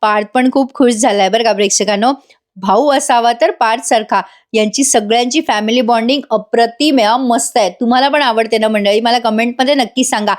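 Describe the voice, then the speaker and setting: A woman's voice: fairly high pitch, a little fast. A woman giving a chatty voice-over recap of a TV serial, talking straight to her viewers and acting out the characters' lines. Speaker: TV serial reviewer. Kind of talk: voice-over episode recap with acted dialogue.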